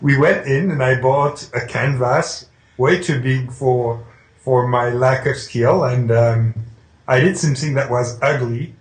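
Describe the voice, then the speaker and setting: Middle-aged guy from switzerland, painter, chatty but halting, echoey room, mid voice. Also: mid-range voice. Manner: hesitant, with restarts, recounting calmly. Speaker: painter, interview guest. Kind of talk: conversational interview.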